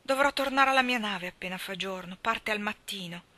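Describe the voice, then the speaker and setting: A woman's voice: a little high, animated, moderate pace. Woman voicing a passionate young sailor. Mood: tender. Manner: loud impassioned cries.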